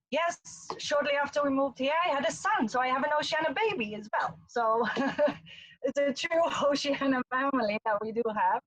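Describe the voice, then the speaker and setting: A chatty woman with a fairly high voice tells her story on a video call. Her sound is close and dry, with no room around it. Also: a bit bright, dry recording, dull audio. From England. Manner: chatty, storytelling, laughs often. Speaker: cruise line vice president. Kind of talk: casual video call presentation.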